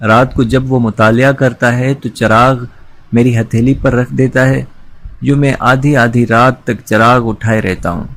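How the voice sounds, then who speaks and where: A man's voice: medium pitch, fairly even intonation, fairly bright tone, natural voice. A man reading the part of an enslaved man who refuses to be sold, speaking with emphatic anguish.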